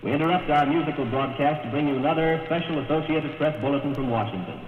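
A man's voice: on the high side, fast, over loud music. Guy doing an old newsreel-style radio news bulletin, formal announcer voice, tinny and echoey like a 1940s broadcast.

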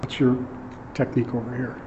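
A man's voice: medium pitch, level tone, a little fast. A man interviewing a guest and narrating in an easygoing, conversational way. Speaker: interviewer, reporter. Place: large old building studio. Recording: dull lo-fi sound with clear background noise.

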